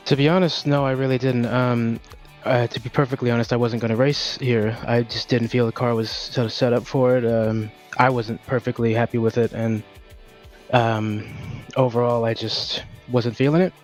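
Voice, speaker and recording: A racing driver, out of breath, answering post-race interview questions in a candid, hesitant way with many fillers. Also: male voice, mid-range voice, little pitch movement, normal speed, soft background music.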